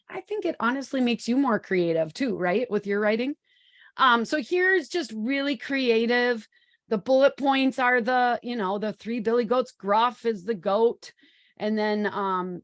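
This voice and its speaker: A woman's voice: mid-range voice, dry recording, studio quality. A woman in her forties presenting a live webinar in an upbeat, chatty way, with plenty of ums, speaking into a computer microphone. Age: 40s. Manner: upbeat, chatty, many fillers.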